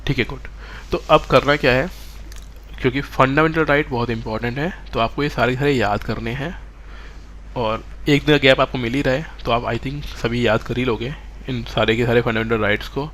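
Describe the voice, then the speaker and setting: A man's voice: mid-range voice, fairly even intonation, fairly quick, a bit bright, slight background noise. A man teaching a live online exam-prep class, mixing English terms into Hindi and often checking that students follow.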